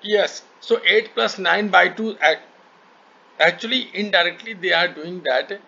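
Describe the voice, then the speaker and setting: A man with an Indian accent and native Hindi tutors maths in a bright, forceful voice with a gravelly edge. He explains step by step and repeats himself to check understanding. The online call sounds muffled. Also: sits high, unhurried. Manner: repetitive, checking understanding often. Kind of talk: one-to-one lesson, explaining step by step. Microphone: online call microphone.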